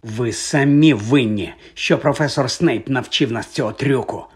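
A man's voice: medium pitch, a little fast, lightly acted. A man voicing an earnest, incredulous young schoolboy wizard. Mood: angry.

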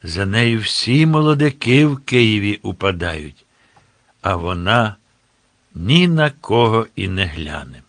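A man voicing a young man at a market who speaks in a hushed, half-whispered way, in an audiobook. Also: on the low side, very animated, slow, no echo, full character voice.

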